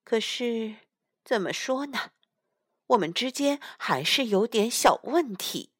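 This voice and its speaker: Woman storyteller, children's picture book, lively pitch, breathy tone, slow gentle pace, dry close mic. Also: no room sound. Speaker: storyteller mother. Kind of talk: reading a children's picture book in first person as the mouse.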